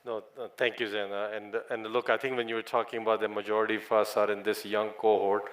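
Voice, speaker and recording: A man's voice: fairly low pitch, flat delivery, fast, rough recording. A middle-aged man speaking as a company executive on a panel, confident and often checking in with "right?". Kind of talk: panel discussion answer.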